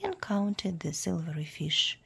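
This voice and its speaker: Slow, gravelly, breathy woman storyteller. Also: on the low side, big pitch swings, slight background noise. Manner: hushed, half-whispered reading. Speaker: storyteller for English learners. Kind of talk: storybook read-aloud.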